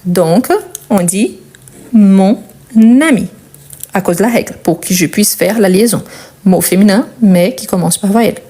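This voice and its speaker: Young woman teaching french, portuguese first language, mellow voice, slow and patient, says things twice. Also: medium pitch, husky. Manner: patient, explains step by step with pauses and repetition. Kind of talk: grammar lesson.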